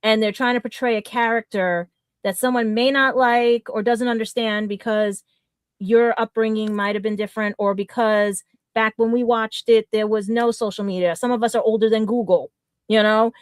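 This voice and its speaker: A woman with a fairly high voice chats on a casual podcast over a video call. She rambles and laughs easily, tripping over names. The sound is dry and close. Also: fairly even intonation, normal speed, clear, resonant tone, dry recording. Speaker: podcast co-host.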